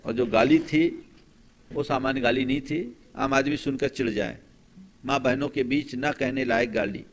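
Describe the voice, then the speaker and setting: A male monk giving a sermon, telling stories and asking rhetorical questions, moving from soft speech to forceful emphasis. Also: medium pitch, normal speed, slight background noise. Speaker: monk preacher.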